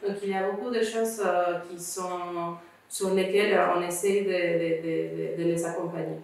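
A woman's voice: on the low side, steady tone, moderate pace, creaky, a little mellow. A woman from Venezuela, a guest in an interview, earnestly explaining things step by step. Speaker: guest, founder of a refugee student association. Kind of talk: conversational interview. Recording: echoey room, distant mic.

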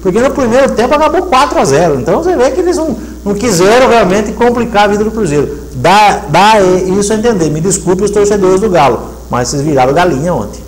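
Speaking quickly in a high-sitting voice with hardly any pauses, a middle-aged sports show host chats and reads match results in a steady list-like manner. He's on a TV studio set wearing a lapel mic. Crowd noise is audible and the recording quality is low.

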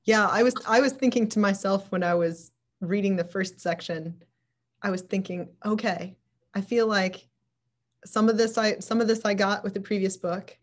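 A woman's voice: medium pitch, fairly even intonation, moderate pace. A woman moderating a casual online book club discussion, chatty and thinking aloud over a video call.

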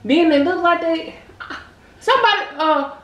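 A woman with a very high, squeaky voice co-hosting a comedy vlog, flustered and out of breath. Her pitch swoops up and down as she frets and repeats herself. The room around her is echoey. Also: lively intonation, moderate pace, a bit bright, lo-fi sound. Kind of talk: comic improvised chat. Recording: roomy echo.

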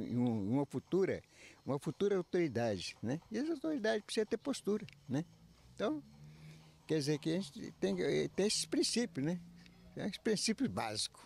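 An elderly man of about eighty speaks outdoors into a reporter's handheld microphone. He talks haltingly, restarting phrases and leaning on filler tags, his voice sitting a little high for a man. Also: sing-song, vocal fry, a little mellow, husky. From Brazil. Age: 80s. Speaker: interviewee, retiree. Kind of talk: street interview. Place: outdoors under trees by a house. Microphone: handheld reporter mic.

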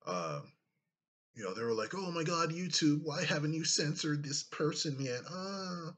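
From a small room, a YouTuber in his thirties speaks to his webcam in a casual vlog. His deep voice is expressive and a bit bright, and his pace is unhurried and thoughtful, peppered with fillers.

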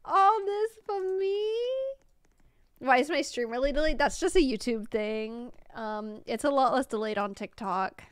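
A young woman live-streaming a game, gushing with excited exclamations as she chats to her viewers. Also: fairly high pitch, normal speed, few pauses, smooth, no room sound. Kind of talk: live gameplay stream chat.

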